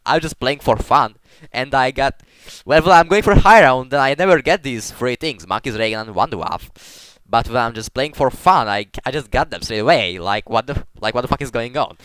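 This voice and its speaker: A man chats loosely while he plays, wandering from point to point and tripping over his words. His voice is smooth and resonant at an everyday pitch, recorded dry and close with no room sound. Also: expressive, a little fast, fairly bright tone, dry recording. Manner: rambling, stumbles over words and restarts often. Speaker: gaming commentator. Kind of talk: casual gameplay commentary.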